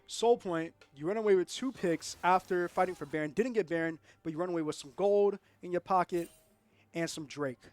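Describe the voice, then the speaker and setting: Young guy casting a college esports game, slightly high voice, gets hyped, repeats himself. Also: fairly quick, faint music behind. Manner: excitable, laughing, repeats himself. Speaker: esports caster. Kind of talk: live game commentary.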